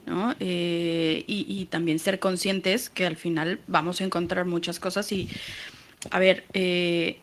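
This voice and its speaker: A woman's voice: lowish voice, flat delivery, slow. A woman speaking earnestly on a radio health panel, working through her points with emphasis.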